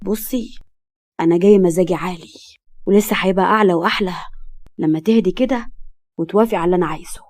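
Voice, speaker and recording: A woman's voice: fairly low pitch, fast, long pauses, darkish tone, lightly acted. A woman voicing a brash, drunken young man with an Egyptian accent and a sly drawl. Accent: Egyptian Arabic.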